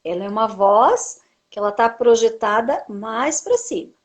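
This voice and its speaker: Woman, speech therapist, slightly high voice, didactic live-stream explainer who asks and then answers her own questions. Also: lively intonation, normal speed, muffled recording. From Brazil. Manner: frequent tag "né".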